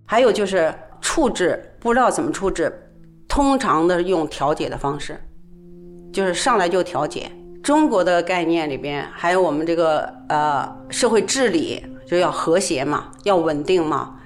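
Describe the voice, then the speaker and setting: A woman's voice: lowish voice, lively intonation, normal speed, faint music behind. A woman who trains people on domestic violence, explaining her views earnestly in an interview, with frequent hesitant fillers.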